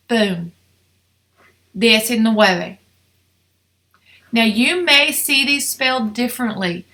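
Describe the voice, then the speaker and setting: A woman's voice: fairly high pitch, bright, forceful tone. A woman teaching a language lesson, coaxing listeners to repeat after her. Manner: coaxing, asks learners to repeat. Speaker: Spanish teacher. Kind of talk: slow, repetitive language lesson.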